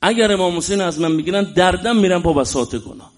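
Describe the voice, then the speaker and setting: A man preaching a religious sermon in an emphatic way, often rising into loud exclamations. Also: high-pitched.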